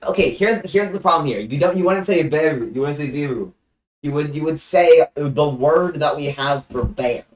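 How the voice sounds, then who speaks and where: A young adult streamer talks casually on a livestream, speaking haltingly with frequent restarts and cracking deadpan jokes. The voice is medium-pitched and the audio is poor.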